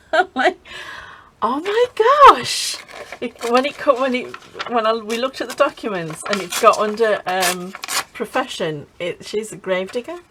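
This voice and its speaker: A woman's voice: on the high side, animated, a little slow, fairly bright tone, slight background noise, low-quality recording. Chatty, laughing woman. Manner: chatty, laughs often, trails off and restarts. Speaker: craft channel host. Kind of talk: casual crafting chat.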